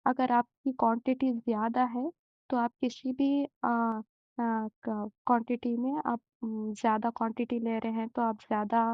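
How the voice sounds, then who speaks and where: A young woman hosting a home cooking channel, walking through a recipe step by step in a slow, gentle way with many hesitations. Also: a little high, flat delivery, dry recording, highs cut off.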